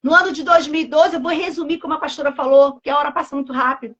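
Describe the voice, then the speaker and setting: A woman's voice: high voice, fairly even intonation, racing, fairly bright tone, muffled recording. A Brazilian woman in her fifties, a pastor giving an emotional, fervent testimony and acting out dialogues with God. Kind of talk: emotional personal testimony preaching.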